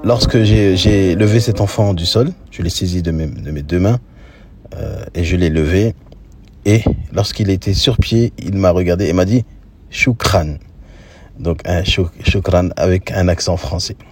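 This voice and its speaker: A man with a very low, husky voice recounts a personal memory in a relaxed, conversational way. He talks thoughtfully and keeps pausing mid-sentence to find the right word. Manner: reflective, conversational, searching for words. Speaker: storyteller. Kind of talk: casual spoken storytelling.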